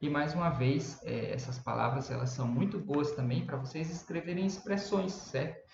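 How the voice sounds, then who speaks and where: A man's voice: on the high side, normal speed, creaky, crowd noise. A Brazilian man teaching an English lesson in a chatty way, explaining in Portuguese and mixing in English words. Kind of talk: recorded online lesson. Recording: lo-fi roomy recording with faint hum.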